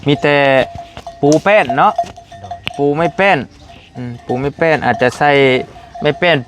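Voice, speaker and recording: A man's voice: a little high, measured pace, over music. A man with a Lao accent, chatting casually outdoors in a village as he hands over a donation, coaxing and repeating his phrases. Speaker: vlogger delivering donation.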